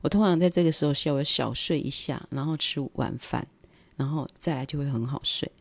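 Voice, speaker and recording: A woman's voice: low voice, fairly quick, no room sound. A middle-aged woman with a Taiwanese Mandarin accent, hosting a livestream and chatting casually about her family, acting out her parents' words as she goes. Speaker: livestream host. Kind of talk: casual storytelling.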